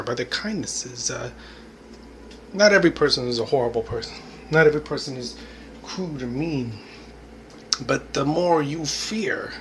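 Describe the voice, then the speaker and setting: Here a forty-something vlogger muses aloud to the camera, his casual talk rambling along with plenty of "you know" and "I mean" plus scattered laughter. His mid-range voice sounds gravelly and a bit bright, over slight background noise.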